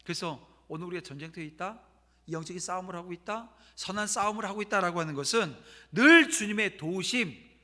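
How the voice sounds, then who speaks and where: A man's voice: sits high, brisk, sharp tone. A man preaching a sermon as pastor, emphatic and asking the congregation rhetorical questions. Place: church sanctuary. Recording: long church hall reverb.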